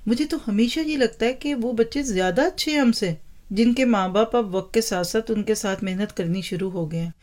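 A woman's voice: on the high side, a little fast, a little mellow. A woman teacher giving an Islamic talk into a microphone, speaking straight to mothers with rhetorical questions and homely everyday examples. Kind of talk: Islamic lecture on parenting. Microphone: microphone in front of her.

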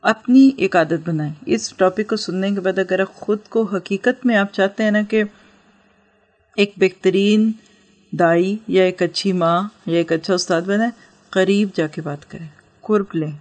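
Gently explaining woman teacher. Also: mid-range voice, fairly even intonation. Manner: gentle, explanatory, asks the listeners rhetorical questions. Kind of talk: instructional talk on parenting and religious outreach.

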